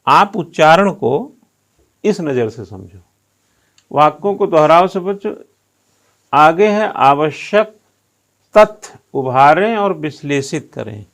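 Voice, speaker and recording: A man's voice: fairly high pitch, expressive, slow pace, pauses often, a bit bright. A male coaching teacher giving a classroom lecture, firing rhetorical questions at students and teasing them while he drills pronunciation.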